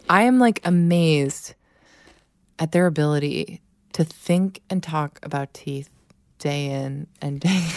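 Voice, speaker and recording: Chatty low-voiced woman, laughing often. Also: clear, resonant tone, no room sound. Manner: animated, laughs often, many fillers. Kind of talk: casual podcast chat.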